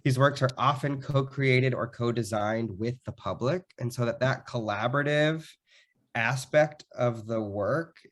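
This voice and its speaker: Giving a slide talk on a public art program, this man sounds ill and keeps stumbling, restarting sentences and filling gaps with um. His voice is medium-pitched with a fairly bright tone.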